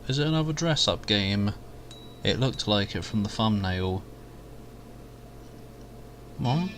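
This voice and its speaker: A man's voice: lowish voice, lively intonation, takes it slowly, a bit bright, a little hiss or hum. A man giving casual, rambling commentary as a video host, grumbling and poking fun at himself with mild swearing. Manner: self-mocking, grumbling, mildly sweary.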